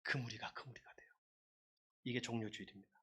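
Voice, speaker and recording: A pastor preaches a sermon in a lively, conversational way, leading his congregation in call-and-response shouts. His voice is mid-range with a breathy edge, and he talks a little fast.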